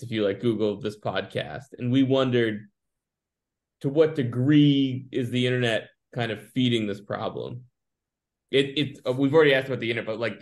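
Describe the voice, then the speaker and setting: Rambling, joking man co-hosting a podcast. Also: medium pitch. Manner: rambling, self-correcting, joking. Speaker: podcast co-host. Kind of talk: casual interview chat. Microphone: video call.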